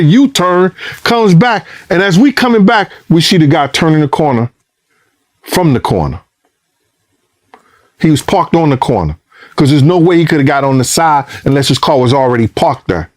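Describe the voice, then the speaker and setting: A man with a fairly high voice recounts a tense night in a casual interview. He swears freely and acts out each exchange. In the heated moments his voice jumps up and gets louder. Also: moderate pace. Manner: profane, re-enacts dialogue, voice climbs high and loud when excited. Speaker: former bodyguard recounting events. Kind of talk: vivid storytelling in casual interview.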